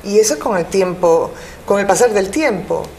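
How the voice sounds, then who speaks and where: Seated in a TV studio against a city backdrop, a middle-aged businesswoman from Peru fields interview questions in Peruvian Spanish. Her mid-range, creaky voice runs at normal speed but stalls often on fillers, and she gestures with animated hands. There's slight background noise.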